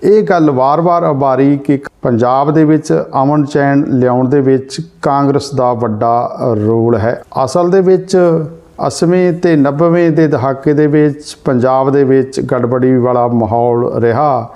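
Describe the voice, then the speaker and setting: Dark-voiced man giving Punjabi news commentary. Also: medium pitch, steady tone. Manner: measured, rephrases points with several synonyms. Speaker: news presenter.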